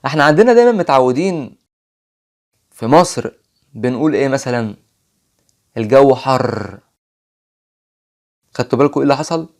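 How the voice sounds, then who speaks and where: A man with an Egyptian Arabic accent teaching an English phonics lesson, patiently repeating example words slowly. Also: mid-range voice.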